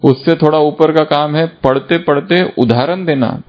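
A man's voice: fairly high pitch, normal speed. A man giving an earnest, instructive spiritual talk, repeating points and telling stories to make them. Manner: earnest, repetitive, storytelling. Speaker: spiritual teacher. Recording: dull lo-fi recording.

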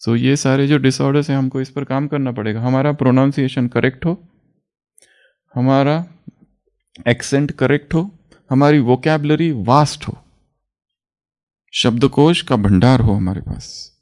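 A man's voice: medium pitch, unhurried, pauses often, darkish tone. A man giving a spiritual class talk as a teacher, asking his listeners questions and answering them himself, chuckling often while he explains.

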